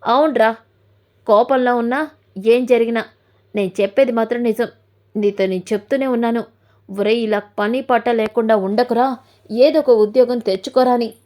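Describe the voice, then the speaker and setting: Lady doing a stern mom telling off her son, blunt and lecturing, higher voice. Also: steady tone, moderate pace, long pauses, dark tone, close to an everyday voice. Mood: scolding. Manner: scolding, lecturing. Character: scolding middle-aged mother, stern and blunt.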